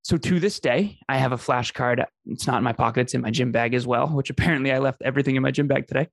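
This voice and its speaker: This podcast host, here as a guest, has a medium-pitched, gravelly voice and talks fast, captured with clean studio sound and no room echo. Recounting his life story conversationally, he is earnest and emphatic, leaning on repeated phrases for effect.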